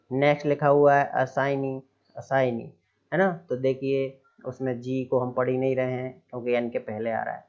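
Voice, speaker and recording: A man's voice: medium pitch, darkish tone. A man teaching an English spelling lesson step by step, asking his own questions, answering them, and often checking in with "right?". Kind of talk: spoken grammar lesson. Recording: dull lo-fi sound.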